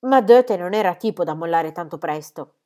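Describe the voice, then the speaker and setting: A woman's voice: fairly low pitch, normal speed. A woman reading a children's novel aloud expressively. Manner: expressive, lively. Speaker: reader. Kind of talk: storybook reading.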